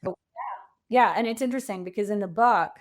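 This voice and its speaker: A woman who is an author and coach appears as a podcast guest, telling anecdotes in a casual, informal way and acting out quotes to illustrate her points. Her mid-range voice moves fast.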